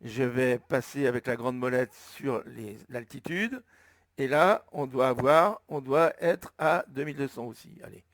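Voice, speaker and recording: A man with a French accent slowly explaining, step by step, how to enter a flight plan, thinking aloud as he goes. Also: mid-range voice, creaky, no echo, studio quality. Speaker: flight sim tutorial maker. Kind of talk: screen-recorded tutorial narration.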